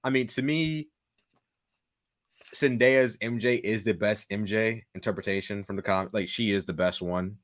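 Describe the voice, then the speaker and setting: A man co-hosting a podcast in casual chat, animated and laughing often, with lots of filler words. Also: on the low side, moderate pace. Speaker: podcast co-host.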